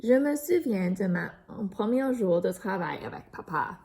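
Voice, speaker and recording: A woman voicing a patient, reassuring older sister in a children's storybook, speaking gently. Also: medium pitch, lively intonation, unhurried.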